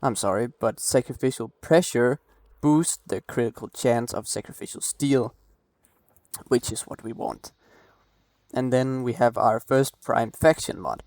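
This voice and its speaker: Late at night, a man walks through a game build for his gameplay guide, speaking at a measured pace in a darkish, mid-range voice. He rambles apologetically, keeps restarting his sentences, and coughs, all captured close on a desk mic without echo.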